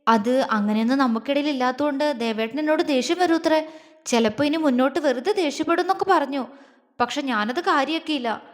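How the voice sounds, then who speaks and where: A woman's voice: high voice, lightly acted. A woman voicing a tearful, insecure young wife who stammers through her words, with a long hall reverb. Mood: hurt pleading. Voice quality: halting, stammering speech. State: crying.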